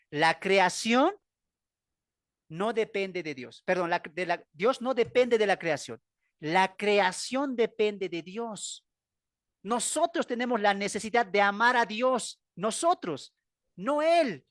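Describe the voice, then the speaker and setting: A man's voice: high voice, lively intonation, slow pace, a bit bright, no echo, clean studio sound. A man with a Bolivian accent teaching a Bible class, emphatic and full of rhetorical questions. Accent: Bolivian Spanish.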